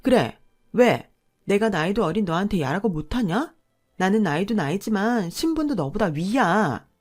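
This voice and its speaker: A woman's voice: medium pitch, sing-song, moderate pace, lightly acted. A woman voicing a bossy, greedy middle-aged sister-in-law who talks rudely and demands money, in a radio drama. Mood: angry. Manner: shouting, rude, demanding.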